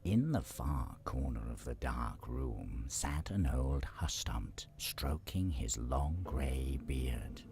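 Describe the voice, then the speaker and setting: An extremely low-voiced man narrates a fantasy game like a storybook. His delivery is slow, dark and gravelly. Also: animated. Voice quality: very deep, gravelly.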